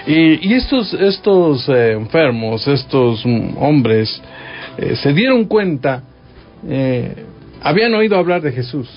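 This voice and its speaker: A man's voice: on the high side, big pitch swings, takes it slowly, muffled recording, faint music behind. A man with a Mexican accent teaching a Bible passage on a radio program, talking conversationally and asking his listeners questions. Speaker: radio preacher.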